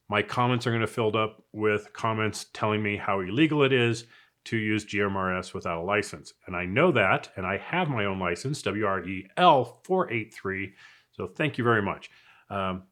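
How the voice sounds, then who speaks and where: An American man who reviews products and hosts off-road videos talks to his viewers conversationally from indoors in a house, sharing casual advice and opinions. His voice is on the low side with a fairly bright tone.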